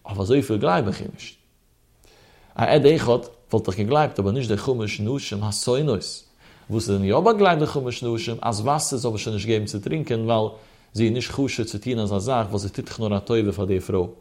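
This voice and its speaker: A man's voice: lowish voice, fairly quick, a little mellow. A man teaching a Talmud lesson in the traditional study-hall way, his voice rising and dropping in a sing-song chant as he asks and answers his own questions.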